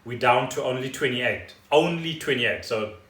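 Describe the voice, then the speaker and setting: A South African man speaks at a normal speed with an animated, fairly bright, medium-pitched voice. As co-host of a casual podcast, he explains news in a wry, conversational manner, recorded at home in a roomy, echoey space.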